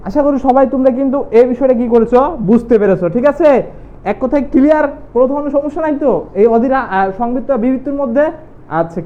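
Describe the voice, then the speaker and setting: A man teaching a pronunciation lesson, asking rhetorical questions and answering them himself, repeating points. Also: very high-pitched. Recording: tinny phone-like audio, faint noise.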